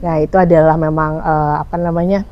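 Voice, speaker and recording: A young hotel public relations officer from West Java, Indonesia, speaks with a Sundanese accent in a low voice, a little fast and with fairly even intonation, over dull audio. In a casual podcast interview she explains her publicity work in a chatty way, using many fillers.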